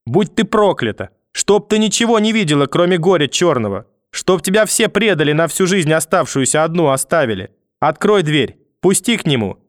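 A man narrating an audiobook voices a bitter, manipulative old grandmother who shrieks hysterically, wailing and pleading through a door one moment and spitting curses the next. Her sing-song voice is slightly high and bone-dry, at normal speed, recorded close to the mic with no room sound or echo.

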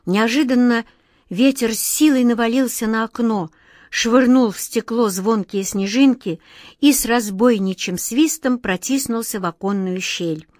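Fairy-tale narrator: woman, rather high voice, gentle and expressive, dry close studio sound. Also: measured pace, no room sound. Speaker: storyteller.

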